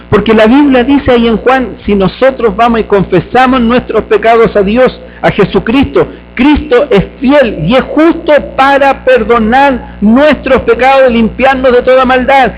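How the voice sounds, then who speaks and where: Man, pastor, sermon, rhetorical questions, emphatic repetition, dull lo-fi recording, faint hum. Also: extremely high pitch.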